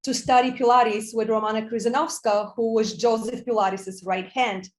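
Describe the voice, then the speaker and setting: A woman's voice: a little high, fairly even intonation, normal speed. Upbeat woman guest from Bulgaria. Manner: upbeat, enthusiastic. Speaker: podcast guest, Pilates instructor. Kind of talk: casual interview talk.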